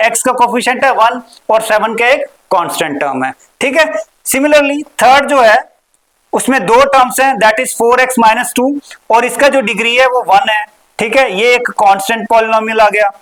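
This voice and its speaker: A woman teaching a maths lesson. She asks questions, answers them herself, repeats key words and slows down on the important terms. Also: on the high side, fairly bright tone, poor audio. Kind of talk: recorded classroom lesson.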